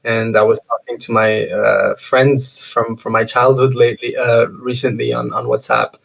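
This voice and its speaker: Male podcast host from Syria, mid pitch, gravelly edge, halting casual delivery. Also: flat delivery, a bit bright, rough recording. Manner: halting, repeats words while searching for phrasing. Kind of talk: casual interview. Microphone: remote call.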